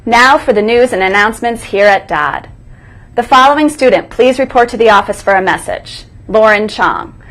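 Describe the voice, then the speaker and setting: A woman's voice: fairly high pitch, moderate pace, a bit bright, rough recording. Woman reading school morning announcements. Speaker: school morning broadcast co-host. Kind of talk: scripted announcements, read aloud. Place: school broadcast.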